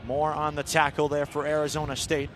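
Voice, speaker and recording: Over music and outdoor stadium noise, an American man calls college football play-by-play live for radio from the stadium's broadcast position. His voice sits on the high side, and he talks fairly quickly with a completely flat delivery.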